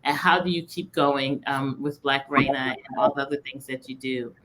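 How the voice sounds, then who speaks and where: A woman hosting a podcast interview, warmly effusive and encouraging toward her guest. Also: a bass voice, steady tone, normal speed, a little hiss or hum. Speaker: podcast host.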